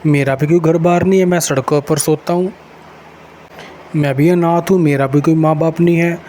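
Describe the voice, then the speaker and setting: A lonely, homeless wolf pours his heart out to God in a plain, earnest, loving way, as a man tells the story. The voice is a little high but dark and mellow, and there is faint noise behind it. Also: fairly even intonation, moderate pace, close to an everyday voice. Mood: affectionate. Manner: simple, earnest, affectionate.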